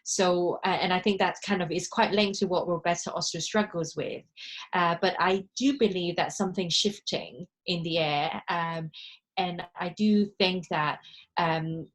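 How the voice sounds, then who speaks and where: A woman's voice: fairly low pitch, fairly even intonation, a little slow. A woman from Hong Kong speaking earnestly on a panel over a video call, with many fillers and restarts. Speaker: panelist, social enterprise founder. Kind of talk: panel discussion.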